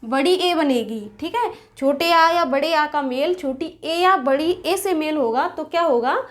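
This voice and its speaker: Woman, high voice, teacher, grammar lesson, asks and answers her own questions, drawn-out examples. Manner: asks questions then answers them herself; slows down to spell out sounds and examples. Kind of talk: Hindi grammar lesson at a board.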